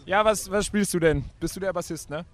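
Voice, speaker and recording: Wisecracking man with high voice. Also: brisk, a crowd in the background. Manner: playful, wisecracking. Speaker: festival-goer, bass player. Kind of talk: casual street chat.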